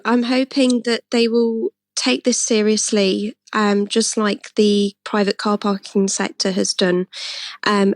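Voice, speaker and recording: A woman's voice: mid-range voice, dry recording. A woman with an English accent being interviewed on local radio, talking earnestly and at length with frequent fillers. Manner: earnest, relieved, talkative with fillers. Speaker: interviewee, motorist who campaigned.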